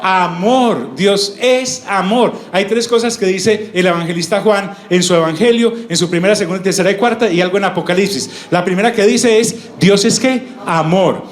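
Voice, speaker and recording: A man's voice: high voice, normal speed, few pauses. A male pastor, preaching a sermon and teaching through call-and-response questions he answers himself. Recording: echoey room with faint ambience.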